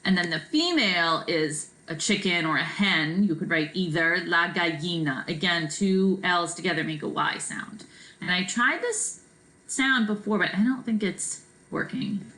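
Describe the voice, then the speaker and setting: A woman teaching a Spanish vocabulary lesson in a relaxed, chatty way, often checking in with "right?" and filling pauses with "um.". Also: on the low side, low-quality recording. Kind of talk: recorded classroom vocabulary lesson.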